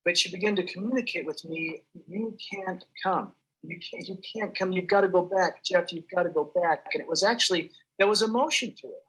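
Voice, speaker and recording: A man giving an earnest, halting personal testimony as an accident survivor, often restarting his sentences. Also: on the high side, fairly bright tone, slightly rough, low-quality recording.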